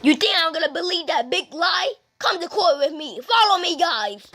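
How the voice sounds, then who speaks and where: A woman's voice: very high voice, expressive, normal speed, sharp tone, exaggerated voice. A woman voicing a stern, bossy puppet judge who gives curt orders. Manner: curt, commanding. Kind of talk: puppet comedy.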